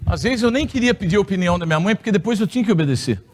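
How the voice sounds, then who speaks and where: A middle-aged Brazilian pastor gives a sermon testimony in a church hall, telling a personal story with playful humor. He speaks in Brazilian Portuguese with a high-sitting voice, lively intonation and a rapid-fire pace.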